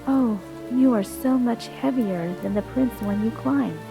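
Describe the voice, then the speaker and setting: A woman's voice: fairly high pitch, measured pace, gravelly, over music, poor audio. A woman voicing a sweet, innocent young woman in a bedtime storybook reading.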